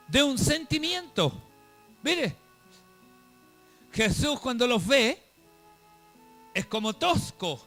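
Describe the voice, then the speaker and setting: A man's voice: extremely high pitch, bright, forceful tone. A male pastor giving a fervent sermon to a congregation, calling them brother and throwing out rhetorical questions. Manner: fervent preaching, calls listeners "hermano", rhetorical questions. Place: church service, filmed for a web show.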